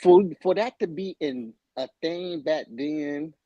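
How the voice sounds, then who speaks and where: Man, podcast co-host, husky, emphatic and halting, dry close mic. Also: on the high side, mellow, dry recording, dull audio. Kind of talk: casual group debate.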